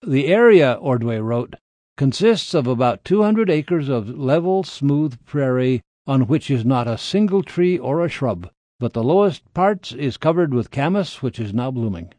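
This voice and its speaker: A man's voice: medium pitch, big pitch swings, a little slow, warm tone, no room sound. A man reading scripted history as a radio documentary narrator.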